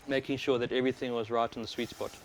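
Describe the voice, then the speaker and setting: In a quick, mid-range voice, a South African man hosts an overclocking live stream, offering casual, informal explanations as he goes. He wears a wireless microphone, and the recording comes through clearly over steady background noise.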